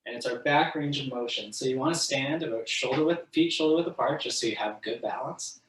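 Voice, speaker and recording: A man's voice: medium pitch, fairly quick, distant mic. Stretch instructor guy, laid-back and encouraging, stands back from a desk mic in an echoey room. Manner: casual and encouraging, counts holds aloud. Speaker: fitness instructor. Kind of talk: guided stretching class. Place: room, moving away from the mic while standing.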